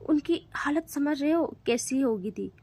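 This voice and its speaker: A woman's voice: high-pitched, lively intonation, unhurried, darkish tone. A woman narrating a love story in a casual, chatty way, talking to the listeners directly.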